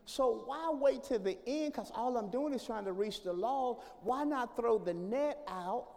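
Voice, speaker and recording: A pastor preaching a sermon, calling for responses and swinging between soft talk and hollering. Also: male voice, very high-pitched, animated, unhurried, gravelly. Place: church sanctuary. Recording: long reverb of a church hall.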